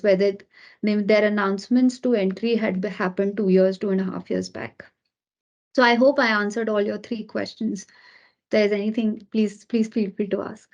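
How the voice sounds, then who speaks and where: A woman's voice: medium pitch, warm tone. A woman presenter at a seminar, explaining at length in a formal way over a video call, correcting herself as she goes. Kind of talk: answering audience questions.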